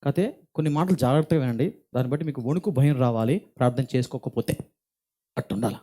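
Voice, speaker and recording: A middle-aged man from India, preaching a church sermon in an earnest, deliberate way that builds in intensity. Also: medium pitch, dark tone. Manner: earnest, speaks slowly and deliberately, rising in intensity. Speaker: pastor. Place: church hall.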